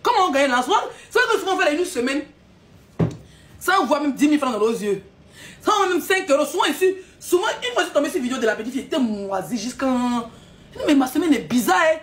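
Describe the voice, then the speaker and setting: A woman's voice: sits high, animated, fast. A woman ranting on a live stream, scolding and mocking her audience with frequent laughs.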